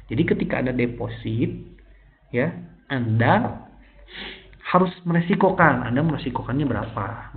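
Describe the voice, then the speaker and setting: A man presenting a trading webinar, explaining in a casual, chatty way with many fillers. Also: medium pitch. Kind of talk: live webinar lecture. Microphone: laptop microphone. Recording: tinny phone-like webinar audio.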